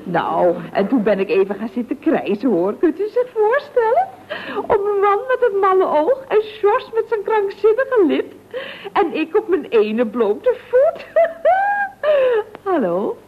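A woman's voice: medium pitch, expressive, moderate pace, breathy edge. A woman playing a theatrical, gossipy office worker in a 1960s radio comedy, with exaggerated swoops in her voice. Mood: dramatic. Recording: dull lo-fi old radio recording.

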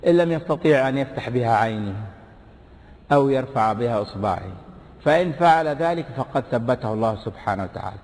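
A man preaching a sermon, emphatic, swinging from low asides to high exclamations. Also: animated, fast, darkish tone. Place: large hall before a big audience. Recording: long hall reverb.

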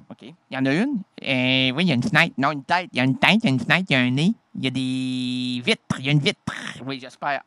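A radio host delivers comic banter, joking and rambling in a goofy, playful way. His nasal voice is a little high and somewhat bright, and the recording is dry.

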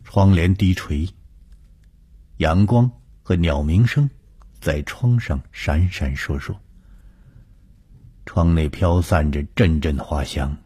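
A man narrating a scripted ghost story with a measured, suspenseful delivery. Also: low voice, a little mellow, breathy edge.

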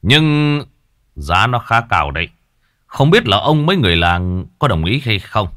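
A man voicing a calm, self-assured exorcist master who speaks in a slow, measured, authoritative way. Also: fairly low pitch, dry recording, clean studio sound.

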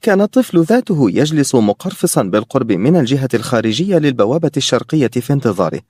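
Guy narrating a novel audiobook, steady even read, totally dry close sound. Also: medium pitch, fast, breathy edge, no echo.

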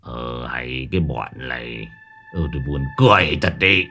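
A man voicing an irritable, foul-mouthed old landlord in a spoken ghost story, with a gruff, scolding manner. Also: very deep voice, expressive, a little slow, sharp tone, faint music behind, voice pushed down, full character voice. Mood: scornful. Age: older.

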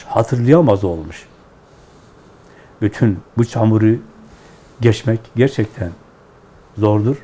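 Deep-toned man giving Sufi teaching. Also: warm tone. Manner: measured, repetitive, chant-like phrasing. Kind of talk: devotional teaching to callers.

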